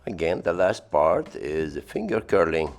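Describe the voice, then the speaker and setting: Middle-aged man, Lebanese accent, deep and gravelly, for a playful, dryly funny tutorial voice-over. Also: animated, moderate pace, faint music behind. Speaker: voice-over narrator of a hair tutorial. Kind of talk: playful scripted voice-over, speaking as the hair.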